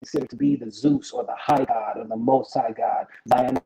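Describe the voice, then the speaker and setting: A man making a debate argument over an online call, his voice choppy and breaking up, delivered as a deliberate lecture. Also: medium pitch, fairly even intonation, creaky, mellow, poor audio. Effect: choppy, breaking-up call connection.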